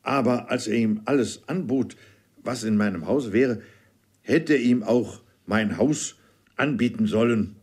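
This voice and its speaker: A kindhearted retired old army captain, read by a man, soft-spoken and gentle. When pressed he turns stubborn and insistent, his level voice rising in pitch. Storybook reading. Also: unhurried, husky.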